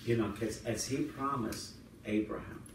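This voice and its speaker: A man's voice: medium pitch, normal speed. A man, a priest whose first language is Assyrian, leading an informal Bible study and retelling scenes with rising emphasis in the quoted lines. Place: church hall. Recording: very echoey room, voice from far off, faint noise.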